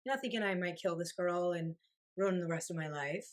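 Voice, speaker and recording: A woman in her thirties, co-hosting a podcast, telling stories in a lively casual way with swearing and laughs. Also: fairly low pitch, brisk. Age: 30s. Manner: animated storytelling, swearing and laughing. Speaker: podcast co-host. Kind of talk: casual chat.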